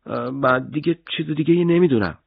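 A man's voice: medium pitch, gravelly, slightly rough, no echo, narrow, tinny audio, voice pushed up. A man voicing a frightened young male detainee who pleads and stammers out denials. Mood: confessing.

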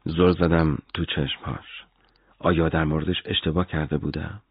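A man reading a first-person audiobook story in a grim, measured way. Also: a bass voice, flat delivery, slightly rough, no room sound, phone-quality sound. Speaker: narrator.

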